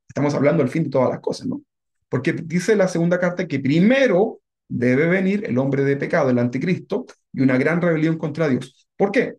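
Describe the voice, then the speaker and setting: Gravelly pastor asking "right?" as he teaches. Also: on the high side, darkish tone. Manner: conversational, keeps asking the congregation "¿verdad?". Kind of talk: Bible teaching.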